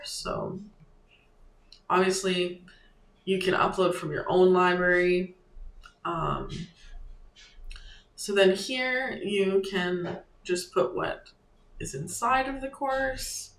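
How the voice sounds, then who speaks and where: Relaxed tutor in an echoey room. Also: medium pitch, slight background noise. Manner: loose and halting, thinking aloud while clicking through steps. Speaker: online creator and business coach. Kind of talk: casual screen-share tutorial. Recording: echoey room with faint ambience.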